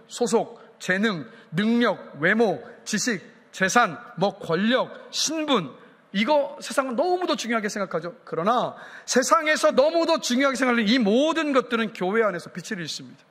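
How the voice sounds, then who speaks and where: A man preaching a sermon with a high, ringing voice, his lines trailing off in the long echo of a church sanctuary. A pastor from the Chungcheong region, he keeps putting questions to his congregation and drives toward forceful climaxes. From South Korea, Chungcheong region. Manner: fires rhetorical questions at the congregation, rising to emphatic peaks. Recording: long reverb of a church hall.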